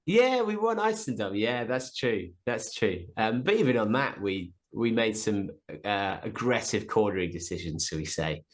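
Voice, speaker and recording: A man's voice: on the low side, sing-song, moderate pace, hardly any pauses. A man co-hosting a podcast, easygoing and a bit hesitant, with dry teasing humor. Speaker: podcast co-host. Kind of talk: casual chat.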